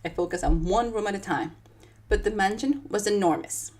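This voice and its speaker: A woman author with a Dominican accent speaks at a moderate pace in a medium-pitched voice, chatting animatedly with viewers live before reading her own book aloud. She talks straight to her audience.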